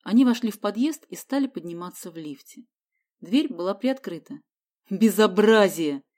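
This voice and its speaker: A woman's voice: mid-range voice, expressive, brisk, dark tone. Woman narrating an audiobook.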